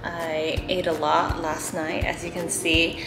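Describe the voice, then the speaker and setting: A woman's voice: low-pitched, flat delivery, slow pace, roomy sound, over music. A young adult woman chatting casually and upbeat in a vlog, filling her talk with "like" and "um". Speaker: vlogger.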